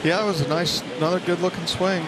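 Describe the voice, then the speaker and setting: Male golf analyst commentator, a bit higher-pitched, halting conversational delivery, noticeable outdoor background noise. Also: steady tone. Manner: halting, thinking aloud.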